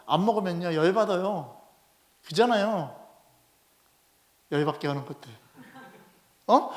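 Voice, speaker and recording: A male head pastor preaching a Sunday sermon in a church, animated and constantly asking the congregation rhetorical questions. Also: sits high. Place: church sanctuary.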